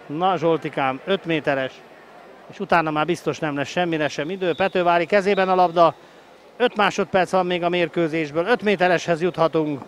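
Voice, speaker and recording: An excited male sports commentator with a fairly high voice calls the play live. He is openly partisan, urging his side on with heated energy, over clear venue noise. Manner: excited, breaking into shouted goal calls; openly partisan, cheering on the home team. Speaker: sports commentator of a water polo match.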